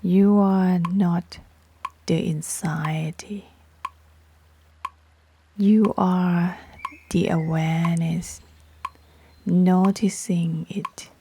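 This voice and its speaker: A woman leading a guided meditation in short, sparse phrases with long pauses, her voice soft, breathy and partly whispery. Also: on the low side, steady tone, slight background noise. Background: metronome clicks.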